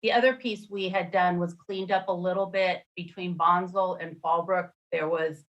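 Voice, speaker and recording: Woman commissioner halting through a proposal. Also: lowish voice, fairly even intonation, highs cut off. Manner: halting, with many fillers and restarts. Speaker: redistricting commissioner. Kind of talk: explaining a map proposal at a public meeting.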